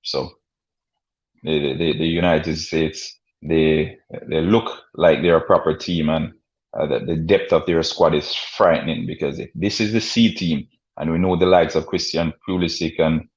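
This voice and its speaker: Very deep-voiced man, halting live sports commentary. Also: steady tone. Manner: halting, repeats words and phrases often. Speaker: sports stream host. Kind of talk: casual live sports chat and match commentary. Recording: dull, muffled lo-fi stream audio.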